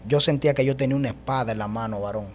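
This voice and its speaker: A man giving an animated personal testimony as a guest, speaking emphatically and often calling the host brother. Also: mid-range voice, very fast, slight background noise. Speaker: guest telling his testimony.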